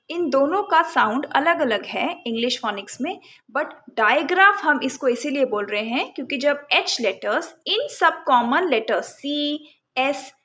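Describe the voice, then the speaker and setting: A woman teaching phonics, breaking words into separate sounds and then blending them, in a calm lesson. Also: sits high. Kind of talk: slow, sound-by-sound phonics lesson in Hindi-English mix.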